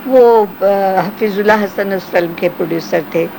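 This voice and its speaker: A woman's voice: mid-range voice, creaky, noisy background. An older woman, a former film actress, reminiscing in an interview and acting out the voices of people she quotes. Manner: animated storytelling, acts out quoted voices.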